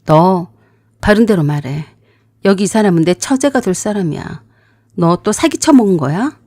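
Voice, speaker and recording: A woman voicing a man, a fiancé who scolds and then pleads, in a gruff manner. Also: medium pitch, expressive, normal speed, a little mellow, dry recording, clean studio sound, natural voice. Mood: scolding.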